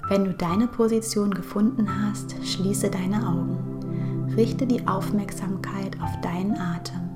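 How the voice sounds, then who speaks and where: A woman guiding a meditation in a soft, hushed, breathy voice, speaking slowly and calmly with long pauses. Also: medium pitch. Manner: slow, calm, pausing, breathy soft delivery in meditation. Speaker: podcast host and meditation guide. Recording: music bed under the voice. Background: background music.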